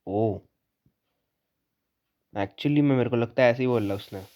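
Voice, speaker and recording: A man's voice: medium pitch, fast talker, darkish tone. A young man doing casual let's-play commentary, chatty, teasing the characters and reading their lines aloud. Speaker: gaming YouTuber.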